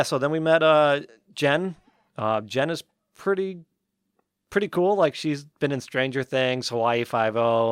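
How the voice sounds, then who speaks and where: A man's voice: mid-range voice, clear, resonant tone, dry recording, clean studio sound. A young man from Western Massachusetts co-hosting a podcast, telling a story in a casual chatty way full of "like" and "um". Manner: rambling, many fillers like "like" and "um". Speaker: podcast co-host.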